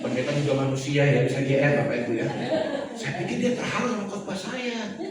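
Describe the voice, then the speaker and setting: A middle-aged pastor with a high voice gives a lively, joking sermon and talks straight to his congregation. He is picked up from a distance, so the voice rings through a very echoey church hall. A faint room ambience sits behind him. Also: a little fast, crowd noise.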